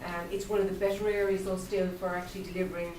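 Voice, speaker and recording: Woman talking fast and pretty flat, echoey room. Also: on the low side. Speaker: care service representative. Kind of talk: informal answer at a public meeting. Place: hotel function room at a public event. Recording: echoey room, distant mic, faint noise.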